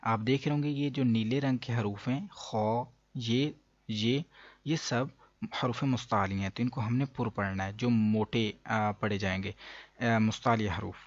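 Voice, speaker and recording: A man teaching a Quran reading lesson. He explains each rule, then slowly drawls out the letter sounds for the listener. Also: mid-range voice, steady tone, dry recording. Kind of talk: step-by-step recitation lesson. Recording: dull dry lo-fi recording.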